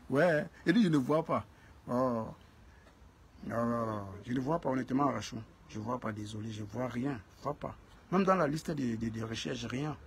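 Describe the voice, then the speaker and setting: A man's voice: mid-range voice, slight background noise. A man hosting a casual live stream, greeting viewers by name and repeating phrases for emphasis.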